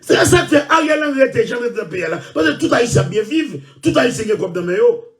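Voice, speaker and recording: A man hosting an online show, ranting loudly and repeating himself. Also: extremely high pitch, lively intonation, quick pace, recorded from a distance. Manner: shouting, loud and repetitive. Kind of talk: impassioned rant.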